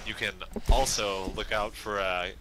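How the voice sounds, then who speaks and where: Low-voiced male game developer. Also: fairly even intonation, a crowd in the background. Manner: explains the game plainly, reacts with quick exclamations. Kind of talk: casual live-stream banter.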